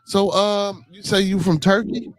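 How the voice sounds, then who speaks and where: A man's voice: high voice, steady tone, measured pace, no room sound. Laid-back Chicago man hosting a podcast. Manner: laid-back, loose slangy talk with repeated "man". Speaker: podcast host. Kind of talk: casual live-stream chat.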